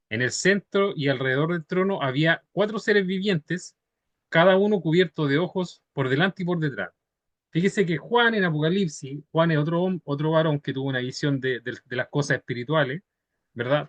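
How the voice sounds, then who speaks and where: Man teaching, fairly high voice. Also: dry recording, highs cut off. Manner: ends phrases with checking tags, patient and conversational. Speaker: Bible study teacher. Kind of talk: explanatory Bible study teaching.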